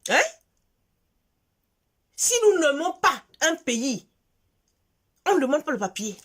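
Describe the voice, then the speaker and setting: Speaking slowly in a high, very animated, somewhat bright voice, a Gabonese woman vlogger with a Gabonese French accent scolds her viewers emphatically. Her monologue is impassioned, and she hammers points home by repeating phrases.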